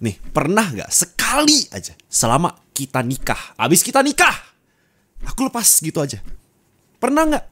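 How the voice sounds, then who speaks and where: Man acting as young husband with very animated voice. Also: high voice, normal speed, full character voice. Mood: angry, scolding. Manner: intimate, colloquial, turning from soft to scolding. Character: young husband, affectionate then angrily scolding his wife. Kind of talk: Indonesian ASMR roleplay acting, addressed to the listener. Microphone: close studio microphone.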